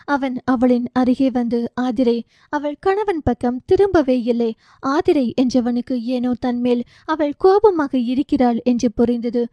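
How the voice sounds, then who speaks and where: A woman narrating a romance audiobook with steady, emotive storytelling. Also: sits high, no echo. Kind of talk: scripted narration of a romance novel.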